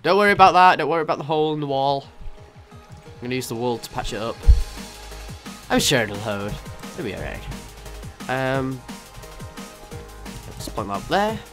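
A man's voice: medium pitch, expressive, normal speed, long pauses, fairly bright tone, soft background music. A man with a sore throat doing casual, jokey commentary while playing a co-op game. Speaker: co-op gaming video host.

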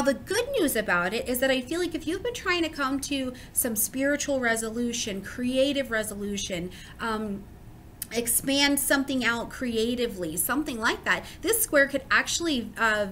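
High, bright American woman reading horoscopes. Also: expressive, moderate pace. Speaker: astrologer giving a weekly horoscope. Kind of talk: casual chatty horoscope reading to camera. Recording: faint background noise with low rumble.

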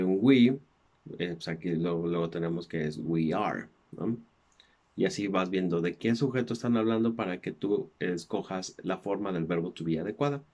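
A man's voice: sits low, darkish tone. A man with a Mexican Spanish accent, a native Spanish speaker, patiently explaining English textbook exercises with fillers like "este" and "ajá". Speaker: English teacher.

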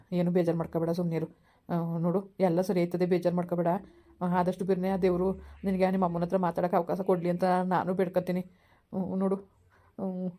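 Guy playing a gentle husband calming his wife, quick talker, mellow voice. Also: sits high, natural voice. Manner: soothing, reassuring. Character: caring young husband, soothing and apologetic. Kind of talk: village skit acting.

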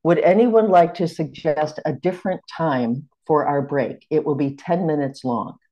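A middle-aged American woman leads a teaching workshop over a video call from a room at home, speaking in a measured, welcoming online-lecture tone. Her voice is deep and dark, and the recording sounds muffled.

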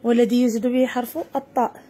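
A woman with a Moroccan accent teaching a first-grade lesson, drawing words out slowly for young children to repeat. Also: a little high, level tone, warm tone. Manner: slow, drawn-out word modelling for children.

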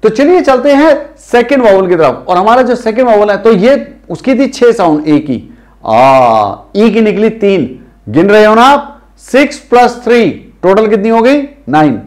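A man's voice: high voice, big pitch swings, a little slow, darkish tone. A man with an Indian accent teaching a spoken English lesson, drilling words aloud and quizzing his viewers.

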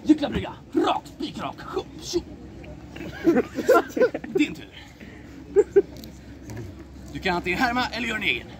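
A woman playfully leading a game outdoors, calling out loudly to a cheering audience. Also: mid-range voice, pauses often. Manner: animated, calls out loudly to the audience. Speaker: game leader. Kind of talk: playful game hosting for a crowd. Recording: loud crowd and street noise.

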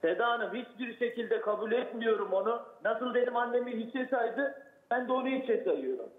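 Man, indignant, argumentative, very high voice, tinny phone line. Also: expressive, moderate pace, echoey room. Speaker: guest's older brother. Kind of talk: heated talk-show argument.

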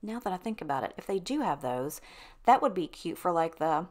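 A woman talks in a loose, rambling way, full of ums, likes and restarts. Her voice sits a little low for a woman, and she chats as if to a friend over her cleaning footage. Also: sing-song, fairly quick, a little mellow. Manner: chatty, rambling, self-interrupting with ums and likes. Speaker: cleaning vlogger.

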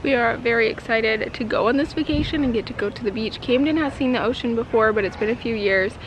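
A young homesteading family vlogger talks fast in a voice on the high side, speaking conversationally to camera outdoors in her backyard with plenty of "like" and "you know." The audio is poor, with a little hiss or hum.

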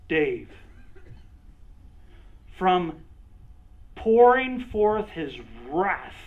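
A man's voice: high-pitched, a bit bright. A male pastor preaching a conversational sermon, drawing on listeners by name and checking in with frequent "right?". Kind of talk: sermon with acted-out role-play. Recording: dull lo-fi recording.

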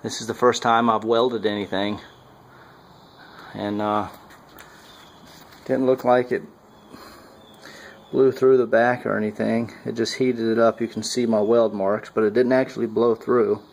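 A man narrating his welding work on a car in a casual workshop vlog, halting with many fillers, on a handheld camera mic. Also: fairly low pitch, flat delivery, vocal fry, low-quality recording. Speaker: home car builder. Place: garage workshop, indoors.

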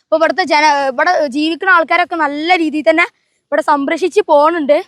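A woman's voice: high-pitched, steady tone, fast, a bit bright, no room sound, studio quality. A woman travel vlogger chatting casually to viewers in a Malabar Malayalam accent from northern Kerala, mixing English words into her Malayalam. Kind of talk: casual vlog chat to viewers.

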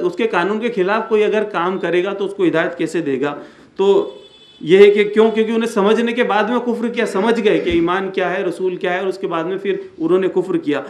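A man from India, an Islamic speaker who founded an education center, gives a religious lecture in a fairly high voice, recorded in an echoey room. He explains patiently, circling back over each point and slowing down when reciting Arabic verses.

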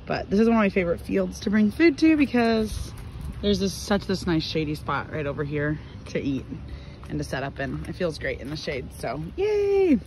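A woman's voice: lowish voice, fairly quick, darkish tone. A woman in her thirties chatting casually in a farm vlog, laughing often and cheering. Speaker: farm family vlogger. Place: outdoors at a wheat field by vehicles. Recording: noisy outdoor phone audio.

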